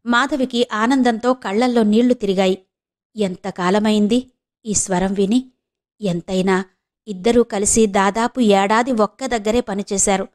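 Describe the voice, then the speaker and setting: A woman from Andhra Pradesh narrating an audio novel, shifting her tone slightly for each character's lines. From Andhra Pradesh, India. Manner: reads the characters' lines with small shifts of pitch and pace.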